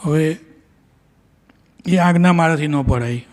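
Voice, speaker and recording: A man's voice: fairly high pitch, slow pace. A middle-aged man, telling a devotional gathering about his personal memories, acting out quoted dialogue and often restarting his sentences. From India. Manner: earnest storytelling with quoted dialogue and frequent restarts. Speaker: devotee giving a talk. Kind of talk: personal spiritual testimony.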